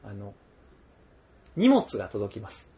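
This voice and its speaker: A man's voice: fairly low pitch, huge pitch swings, takes it slowly, dark tone. A young man with a Kansai accent co-hosting a casual podcast chat in a laid-back, teasing way. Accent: Kansai Japanese. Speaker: podcast co-host.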